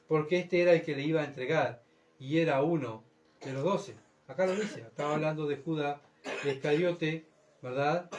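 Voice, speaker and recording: Pastor preaching a sermon. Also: male voice, fairly high pitch, a little mellow. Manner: keeps asking the congregation for agreement.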